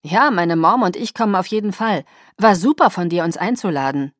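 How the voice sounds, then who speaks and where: An easygoing teenage werewolf boy with a friendly, relaxed way of talking, as a woman reads him for an audiobook. The sound is dry and close. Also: low voice, normal speed, no room sound. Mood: cheerful.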